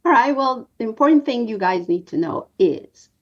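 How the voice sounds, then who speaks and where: Woman, sixties, from New York, earnest, measured, pausing, muffled lo-fi sound. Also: fairly high pitch, lively intonation. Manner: earnest, measured, with frequent 'um' pauses. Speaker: documentary producer guest. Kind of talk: interview storytelling.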